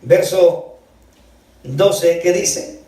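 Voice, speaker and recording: A man's voice: high-pitched, very slow, dark tone. Man preaching in an echoey hall. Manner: keeps calling listeners brother. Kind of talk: evening sermon reading scripture aloud. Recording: echoey hall, distant mic.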